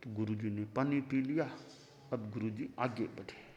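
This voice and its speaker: A man, a monk giving a discourse, telling a parable in a slow, animated storytelling manner. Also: lowish voice, lo-fi sound. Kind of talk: sermon storytelling. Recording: long hall reverb.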